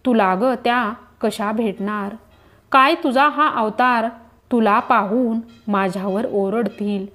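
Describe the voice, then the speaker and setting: Casting note: a woman voicing a nervous young maid in a storybook telling, soft and pleading. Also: on the high side. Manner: hesitant, pleading. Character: timid young palace maid, anxious.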